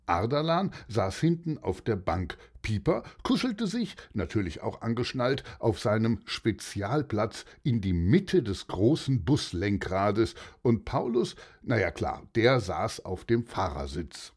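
A man narrating a children's audio story in an expressive, playful way. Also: on the low side, a little slow, hardly any pauses, breathy edge.

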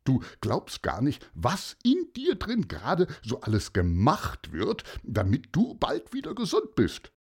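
Guy playing a super keen friend explaining stuff, husky, swoops up and down a lot. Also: mid-range voice, wildly swooping pitch, unhurried, hardly any pauses, pitched above the performer's own voice, exaggerated voice. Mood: excited. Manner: enthusiastic, explaining. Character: eager grown-up friend explaining the body. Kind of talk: children's story reading.

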